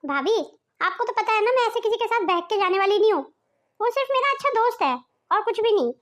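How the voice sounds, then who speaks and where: A woman's voice: very high voice, lively intonation, fast. A woman voicing a scheming, sweet-talking teenage daughter in a cartoon story. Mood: coaxing. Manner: wheedling, coaxing.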